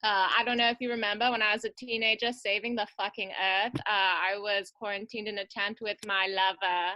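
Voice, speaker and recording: Woman as blunt grown-up witch, crude, deadpan, bright voice, dry sound. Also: mid-range voice, fairly quick, dry recording, lightly acted, low-quality recording. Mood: wry. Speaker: comedian. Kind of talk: cosplay stand-up character bit.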